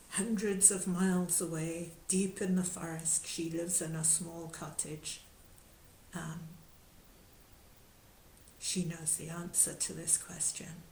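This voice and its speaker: A woman's voice: lowish voice, creaky, darkish tone, echoey room, slight background noise, poor audio. A woman voicing a loyal male knight in a storytelling talk, earnest and respectful.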